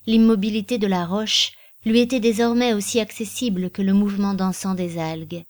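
A woman narrating a literary novel as an audiobook in a measured, expressive reading. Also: mid-range voice.

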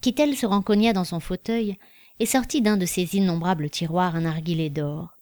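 A woman's voice: fairly low pitch, moderate pace, dry recording. Woman reading a novel, dry sound. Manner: even, literary storytelling. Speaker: narrator. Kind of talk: audiobook reading.

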